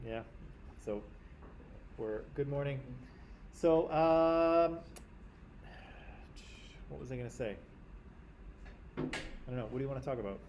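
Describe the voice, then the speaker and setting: A man's voice: mid-range voice, darkish tone, a little hiss or hum. A man teaching a history class in a classroom, talking conversationally and often checking in with "right?".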